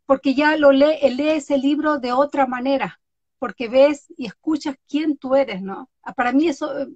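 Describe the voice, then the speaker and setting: At normal speed and in a high voice, a woman who hosts social media interviews tells stories in casual conversation, acting out the quotes and laughing as she goes. Her audio sounds dull, with no room sound.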